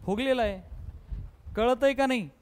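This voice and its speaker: A man teaching physics to students, mixing in English terms and quizzing them with rapid, repeated questions and playful everyday examples. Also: very high voice. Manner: mixes English terms into his talk. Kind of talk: classroom lesson.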